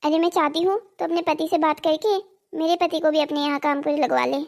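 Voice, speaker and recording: A woman voicing Savita, a high-pitched nagging wife. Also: fairly even intonation, a little fast. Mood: pleading. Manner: scolding, pleading. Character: nagging village wife, greedy and impatient. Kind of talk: cartoon drama voicing.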